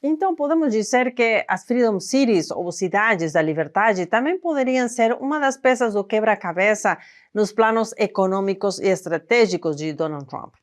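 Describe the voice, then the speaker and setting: A woman's voice: mid-range voice, expressive, moderate pace. A woman from northern Argentina, presenting news in a studio in a conversational, explanatory way. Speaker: news host.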